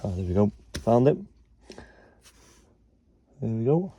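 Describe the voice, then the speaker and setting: A man's voice: lowish voice, big pitch swings, takes it slowly, mellow, husky, dull audio. A man filming himself on a phone while fixing plumbing and wiring, chatting through each step. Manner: chatty, explains as he works, says "obviously" often. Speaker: tradesman filming his call-outs. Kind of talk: casual explaining while working. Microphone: handheld phone.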